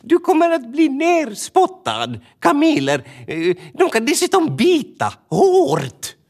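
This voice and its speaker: A man voicing an excitable, anxious female seagull in a children's storybook, frantic and shrill. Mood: panicked.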